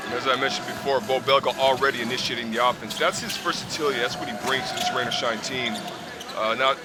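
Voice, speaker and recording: Color commentator, male, medium pitch, emphatic analysis of live basketball with music playing underneath. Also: fairly even intonation, fast.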